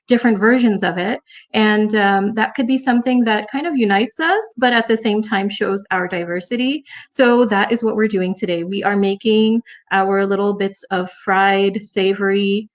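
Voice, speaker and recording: A woman hosting a casual online cook-along, talking in a warm, rambling way with fillers and religious phrases from her home kitchen over a video call. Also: medium pitch, lo-fi sound. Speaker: host.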